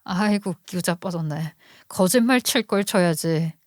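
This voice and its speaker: A woman's voice: fairly low pitch, normal speed, no echo, studio quality, lightly acted. A woman voicing a furious, betrayed wife who curses and scolds sharply. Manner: sharp, cursing, indignant.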